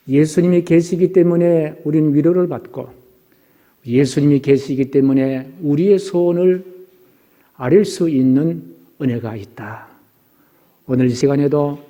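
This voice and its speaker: Male pastor, middle-aged, earnest sermon delivery, mellow tone, long church reverb. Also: mid-range voice. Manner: earnest preaching, opens with recited verse. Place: church sanctuary.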